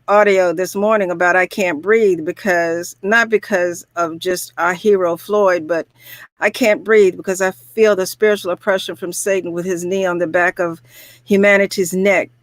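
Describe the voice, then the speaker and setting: A woman's voice: lowish voice, dry recording. A woman hosting a radio talk show, speaking in a fervent, preaching way and leading the conversation with questions. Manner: fervent, preaching tone with spiritual framing.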